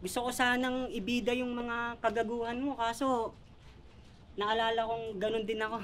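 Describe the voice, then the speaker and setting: Young woman battle rapper, slightly high voice, cheeky mocking insults. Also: steady tone, moderate pace. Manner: mocking, laughing trash talk. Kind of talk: live rap battle verses. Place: bar venue, live event.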